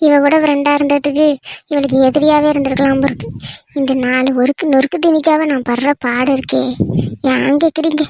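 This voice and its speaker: A grumbling, sharp-tongued village mother for a cartoon, as a woman voices her. Her voice sits high and is recorded dry and close, and she scolds and complains in long runs. She sounds weary and defensive. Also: little pitch movement, a little fast, dry recording. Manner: grumbling, scolding, talks to herself. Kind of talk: cartoon voice acting.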